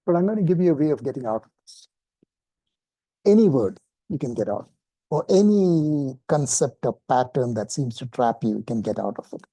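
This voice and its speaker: A man teaching an informal spoken lesson, relaxed and self-deprecating, often restarting his sentences. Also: medium pitch, moderate pace, no room sound. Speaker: meditation teacher.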